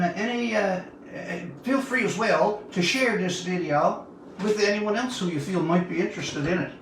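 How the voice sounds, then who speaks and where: A writer of about seventy from Newfoundland, Canada, talks, tells stories, and reads his work to viewers on an informal livestream. His voice is high-pitched and a bit bright. The mic is distant, with roomy echo and audible noise.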